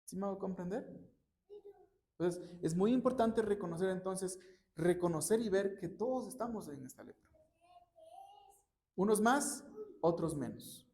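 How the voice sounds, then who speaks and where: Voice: medium pitch, lively intonation, a little slow, long pauses, darkish tone. A preacher speaks in a church in a mid-range voice, teaching in a conversational sermon style. The delivery keeps turning to the listeners with rhetorical check-in questions. Personal anecdotes from workshops are woven into the teaching.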